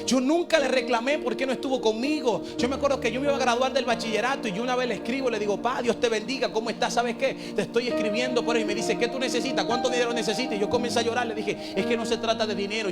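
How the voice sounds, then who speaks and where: Young male preacher, high voice, fervent sermon delivery, loud music bed. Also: fairly even intonation, racing, hardly any pauses. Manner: impassioned storytelling, building to shouts. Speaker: pastor.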